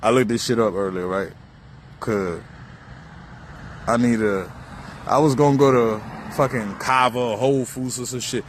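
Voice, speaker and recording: A man's voice: mid-range voice, fairly even intonation, normal speed, long pauses. Man, casual profane street talk, rambling spiritual musings, outdoors by a road, faint traffic behind. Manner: repeats himself, drifts between thoughts. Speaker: vlogger. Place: outdoors beside a busy road. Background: faint passing traffic.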